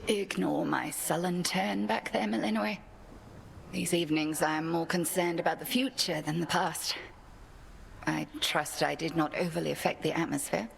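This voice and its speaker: An actress voicing a stern ancient witch goddess in a video game, speaking in a formal, measured and reserved way. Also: lowish voice, fairly even intonation, vocal fry, a little hiss or hum. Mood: wry.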